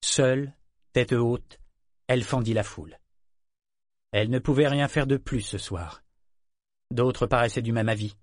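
A man with a mid-range voice narrates an audiobook in a measured, even reading. The recording is clean studio sound with no room sound.

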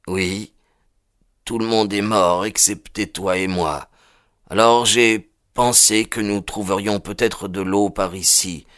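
A rough, weary frontiersman speaking with grave, slow tenderness, read by a man in an audiobook. His voice is very low and sits dry and close. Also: steady tone, fairly bright tone, no room sound. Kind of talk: audiobook character voicing.

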